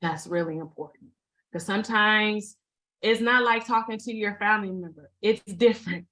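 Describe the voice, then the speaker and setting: A woman speaking as a guest mental health responder over a video call, giving informal advice with many pauses, fillers and repeated phrases. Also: medium pitch, bright, forceful tone, low-quality recording. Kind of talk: informal presentation to an online group.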